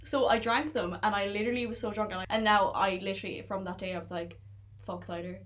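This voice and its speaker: A woman's voice: medium pitch, fairly even intonation, quick pace, a bit bright. A young woman from Tipperary with an Irish accent, chatting casually and candidly with slang and swearing. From County Tipperary, Ireland. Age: young adult. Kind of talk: casual chat.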